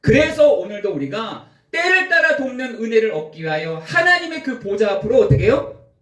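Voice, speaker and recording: A man preaches a sermon in a high voice that climbs and drops sharply. He acts out pleading prayers and stern replies in short bursts. The sound rings in a roomy church hall. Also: sing-song, a little fast, bright, forceful tone. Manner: preaches in rising and falling bursts, acts out God's and worshippers' words. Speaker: pastor. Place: church sanctuary.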